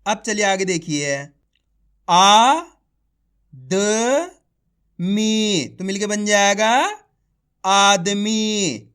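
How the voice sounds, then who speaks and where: A man's voice: high voice, very slow, long pauses, fairly bright tone, clean tone. A man teaching Hindi reading, sounding out each syllable and then blending it into the whole word, addressing viewers as friends. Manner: addresses viewers as friends, giving simple instructions. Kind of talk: slow syllable-by-syllable reading lesson.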